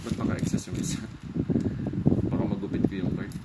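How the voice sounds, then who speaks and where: A man's voice: sits low, flat delivery, fairly quick. A man hosting a casual card unboxing, chatty and joking, counting packs aloud. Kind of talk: casual chat. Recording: loud background noise.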